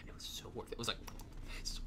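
A man's voice: quick pace, whispered. A man giving casual, jokey gameplay commentary, laughing often and swearing casually. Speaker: let's play gamer.

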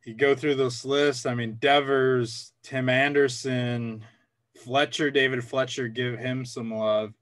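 Young male co-host, wry, deadpan jokes, mid-pitched, easygoing chat. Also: takes it slowly. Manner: wry, joking, repeats phrases for effect. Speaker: podcast co-host. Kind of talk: casual sports chat.

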